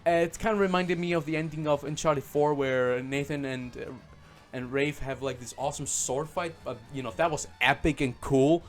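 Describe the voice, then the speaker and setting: A man's voice: on the high side, steady tone, moderate pace, faint music behind. A man giving a casual, sarcastic game review full of swearing and fillers. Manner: sarcastic, profane, many fillers.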